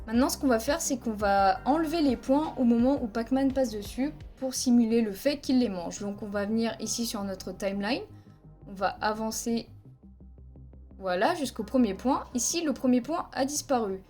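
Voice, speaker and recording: A woman with a warm, expressive, fairly high voice teaches video editing in a screen-recorded software tutorial using a headset mic. Speaking at normal speed over faint background music, she lays out each step plainly and counts frames aloud.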